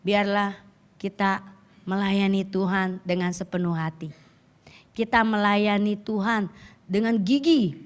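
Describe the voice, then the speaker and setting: A woman pastor preaching a lively sermon with a hoarse voice, often calling out questions to the congregation. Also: medium pitch, unhurried, pauses often.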